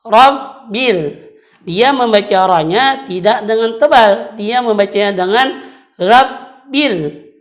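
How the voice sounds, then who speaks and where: A woman teaching Quran recitation, patiently explaining and chanting drawn-out example syllables. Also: mid-range voice.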